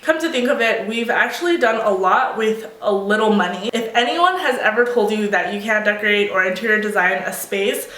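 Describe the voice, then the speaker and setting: A woman's voice: medium pitch, a little fast, hardly any pauses, fairly bright tone. A young woman vlogging in a casual, chatty style, with a muffled, swallowed-sounding voice from being a little sick with tonsillitis. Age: young adult. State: mildly sick, recovering from tonsillitis. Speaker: video blogger.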